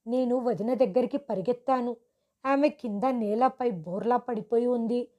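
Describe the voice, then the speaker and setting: A young woman narrating a scripted family story in a steady, even reading. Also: fairly high pitch, moderate pace.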